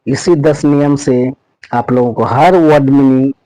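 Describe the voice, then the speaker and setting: Speaking at an unhurried pace with medium pitch, fairly even intonation, and a dark tone, a male teacher walks students through pronunciation rules, spelling out letters and sounds. He repeats things often and checks in with "okay" constantly. The recording is dry and low in quality.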